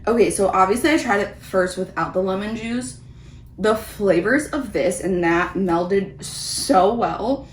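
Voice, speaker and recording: A woman talks casually through a taste test, like a vlog host. Her voice is mid-pitched and sits in an echoey room with faint background noise. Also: a little slow. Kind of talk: casual chatty food review. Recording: roomy echo, background noise.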